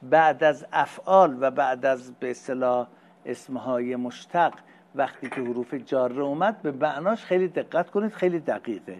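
A middle-aged male religious teacher who reads Arabic phrases slowly and then explains them in casual conversational speech. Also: medium pitch. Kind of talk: lecture explaining Arabic hadith text.

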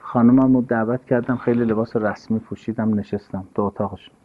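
A man's voice: lowish voice, fairly even intonation. A man giving an earnest, sermon-style talk, stressing his points and repeating key phrases. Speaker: religious speaker. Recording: dull lo-fi recording.

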